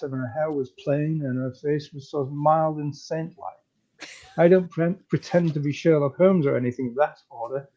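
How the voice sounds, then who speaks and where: Man reading a comic story aloud, mellow. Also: on the high side. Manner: breezy, chatty first-person storytelling. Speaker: story reader. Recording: slightly dull lo-fi recording.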